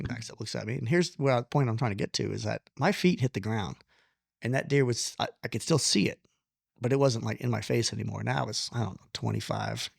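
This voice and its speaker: A man telling a long personal story in casual conversation, animated, blunt and self-deprecating, with the odd curse word. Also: mid-range voice, gravelly, no echo, studio quality. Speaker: podcast guest.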